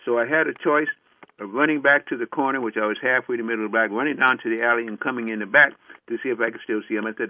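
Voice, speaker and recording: An older man telling a personal story as a lecturer, acting out the dialogue he remembers with many "I said" asides. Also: medium pitch. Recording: tinny phone-like dry recording.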